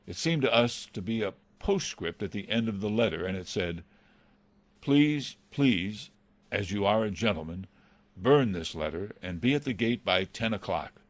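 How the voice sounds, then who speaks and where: In a dramatised reading of a classic novel, a man voices a deferential, anxious butler who is loyal and pleading, formal and respectful. His voice is on the low side with lively intonation at normal speed, in a dry recording, and the mood is hesitant and confiding.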